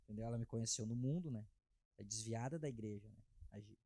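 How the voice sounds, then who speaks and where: A man, sharing his personal testimony as an interview guest in a heartfelt, halting way. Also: fairly low pitch, mellow, no room sound. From Brazil. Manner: heartfelt, halting, frequent filler tags.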